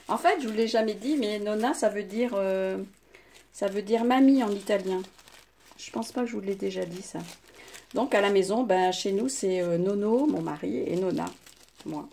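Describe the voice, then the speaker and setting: Gushing older woman with a gravelly voice. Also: medium pitch, normal speed, long pauses, mellow, a little hiss or hum. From France. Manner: gushing, chatty, exclaiming. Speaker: craft channel host. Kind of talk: casual unboxing chat. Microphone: phone.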